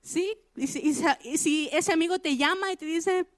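A woman preaching with a high voice. She puts direct questions to her listeners and drives points home by repeating phrases. The recording is close and dry. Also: normal speed, no room sound. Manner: emphatic, repeats key phrases. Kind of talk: sermon.

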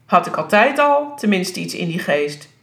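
A self-important male schoolteacher who talks in a pedantic, officious tone, as a woman reading a novel aloud puts him on. He lays out rules with fussy care and sounds pleased with himself. It is a storybook reading in her own voice, lifted a little higher. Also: big pitch swings, normal speed, vocal fry. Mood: explaining.

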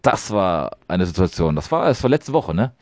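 A man's voice: sits low, very animated, moderate pace, darkish tone, no echo. A young man co-hosting a podcast, telling rambling stories in casual chat full of slang. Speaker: podcast co-host.

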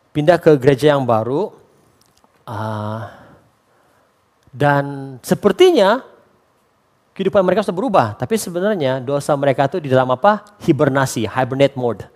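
A man preaching a lively sermon as a pastor, slipping English phrases into his talk. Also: on the high side, fairly quick, pauses often. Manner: acts out quoted voices for humor.

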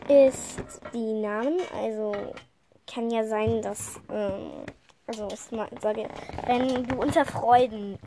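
A woman's voice: fairly high pitch, noisy background. A woman chatting casually as a podcast host, hesitant and rambling, often apologizing and restarting her sentences. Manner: slow with many fillers and trailing off.

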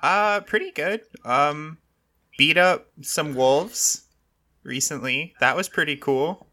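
A woman's voice: low voice, takes it slowly, pushed and bright, full character voice. Woman playing a laid-back tough fighter girl. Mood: offhand.

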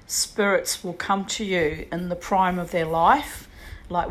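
A woman in her sixties telling a personal ghost story in a rambling way, full of "you know" and "like", now and then clearing her throat. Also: lowish voice, fairly bright tone.

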